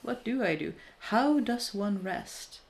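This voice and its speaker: Slow and animated, with a mid-range voice and vocal fry, a woman in her thirties from Norway chats openly with viewers on her crafting stream. She's thoughtful and pokes fun at herself, often beginning her sentences again in this casual live talk.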